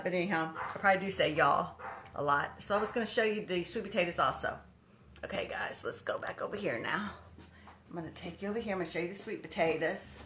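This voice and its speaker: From her home kitchen, a Texas woman with a Texan accent runs a casual live cooking stream and greets viewers by name. Her pitch is fairly low and a bit bright, with slight background noise.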